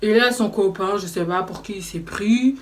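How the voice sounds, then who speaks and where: A woman's voice: mid-range voice, normal speed. A young woman vlogger telling a story, animatedly acting out what people said. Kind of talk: storytime vlog.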